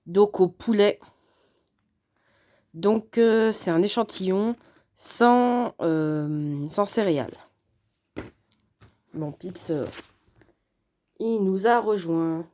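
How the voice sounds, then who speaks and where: A woman chatting casually through an unboxing of a cat subscription box, often pausing with fillers. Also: medium pitch, darkish tone. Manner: chatty, hesitant with frequent fillers.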